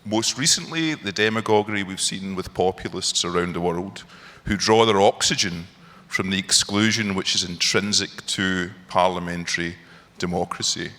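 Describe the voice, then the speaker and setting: A man's voice: deep voice, normal speed, sharp tone. A man with a Glaswegian Scottish accent, a panellist and parliamentary scholar introducing himself on a theatre stage in a wry, then firm and persuasive way. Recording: theatre hall reverb.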